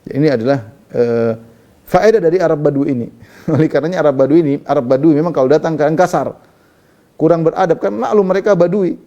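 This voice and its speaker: Male preacher, quick and mellow, reads Arabic then explains casually, sermon commentary. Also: fairly high pitch, muffled recording. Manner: reads Arabic text then explains in Indonesian, conversational with fillers. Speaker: Islamic preacher.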